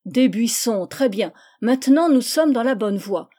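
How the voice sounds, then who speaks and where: Old male schoolmaster, lecturing and fussy, a woman puts him on, mellow voice, storybook reading. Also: on the high side, animated, unhurried. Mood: approving. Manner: coaxing, then exasperated, lecturing.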